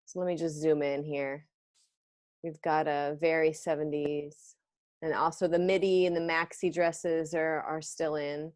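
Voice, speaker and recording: Woman in her fifties, host, rambling fashion chat over a video call, voice sits a bit low. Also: flat delivery, measured pace, a little mellow. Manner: chatty and rambling, trails off mid-sentence.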